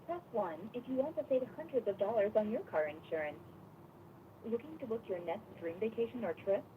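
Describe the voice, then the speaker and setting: A woman's voice on an automated recorded phone message, reading a scripted telephone menu in an even, announcer-like way. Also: fairly high pitch, fairly quick. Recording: tinny, noisy phone line.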